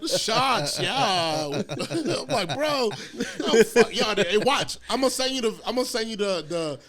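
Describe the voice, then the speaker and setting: A man's voice: high voice, lively intonation, measured pace, a bit bright. A man bantering casually in slang like a rowdy frat bro, swearing freely.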